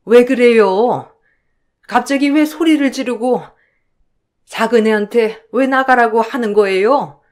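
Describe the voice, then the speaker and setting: A woman voicing an older mother-in-law in a radio drama who fusses and tries to calm everyone. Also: on the high side. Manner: fussing, placating. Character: flustered older mother-in-law, soothing peacemaker.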